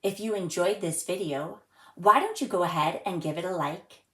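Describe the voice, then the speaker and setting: A woman hosts a children's story time, reading aloud and presenting to young viewers expressively and at a measured pace. Her voice is lowish and the recording sounds roomy.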